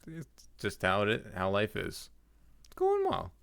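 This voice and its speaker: A man's voice: on the low side, huge pitch swings, measured pace, vocal fry, a bit bright, no room sound. A man livestreaming, chatting through a headset mic as he plays and reacts aloud to his game and his chat. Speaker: livestreamer and card game player. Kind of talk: live gameplay commentary.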